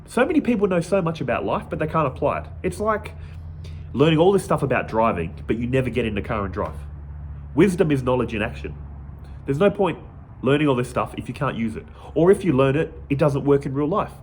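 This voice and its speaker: A man's voice: mid-range voice, very animated, brisk, a little hiss or hum. A man hosting a spiritual video channel, talking earnestly to his viewers in a casual monologue and often repeating words as he goes. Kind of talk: casual direct-to-camera monologue.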